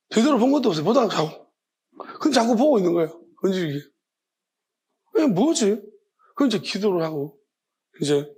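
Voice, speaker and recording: A man's voice: high voice, a little mellow, breathy edge. A man preaching a sermon at a Friday worship service as pastor, in a conversational and impassioned way, asking the congregation questions and often restarting his sentences.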